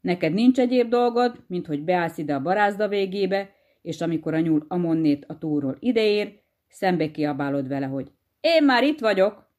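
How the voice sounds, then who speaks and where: A woman voicing a sly, unhurried male hedgehog farmer in a storybook tale, crafty and bossy. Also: lowish voice, warm tone, lightly acted. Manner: easygoing, crafty, bossy to his wife.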